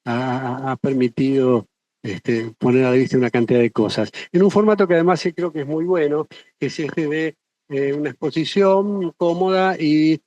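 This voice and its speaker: A man's voice: a little high, normal speed, darkish tone. A middle-aged man, an institute director giving casual closing remarks at a symposium, hesitant with many fillers and restarts.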